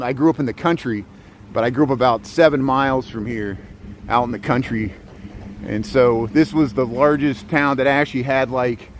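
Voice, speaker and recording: Middle-aged guy from southeast indiana doing a walking livestream outside, lots of uhs and restarts, faint street noise behind. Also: medium pitch. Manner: rambling, lots of fillers and restarts. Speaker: live streamer. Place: outdoors on a small-town main street.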